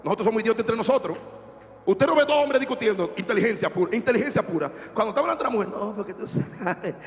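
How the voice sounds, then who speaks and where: A male pastor preaching a sermon in a church, lively and joking, acting out scenes. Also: very high voice, very fast. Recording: long church reverb with faint music.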